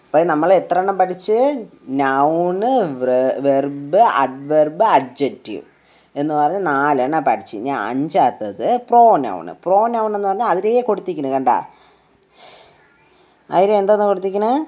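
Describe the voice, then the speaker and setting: A woman's voice: sits low, animated, warm tone. A woman teaching English grammar, explaining step by step and often asking if the listener has understood. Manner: checks understanding with frequent rhetorical questions; slow, patient step-by-step explaining. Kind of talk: grammar lesson explained in Malayalam. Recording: dull lo-fi recording.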